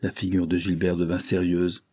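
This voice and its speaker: A man narrating a classic novel as an audiobook in a steady, literary manner, close to the mic. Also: deep voice, moderate pace, no echo.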